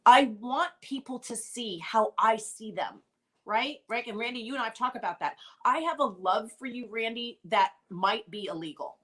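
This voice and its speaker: A woman's voice: fairly high pitch, moderate pace. A woman hosting a heartfelt group conversation, speaking emphatically, repeating phrases for weight and swearing bluntly. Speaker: host.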